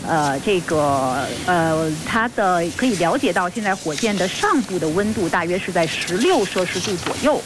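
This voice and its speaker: A woman reporting live from outdoors as a news correspondent, speaking earnestly and formally with hesitant pauses as she improvises. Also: lowish voice. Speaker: field reporter for a radio broadcast. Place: outdoors at a launch site. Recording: noisy outdoor live feed with steady hiss.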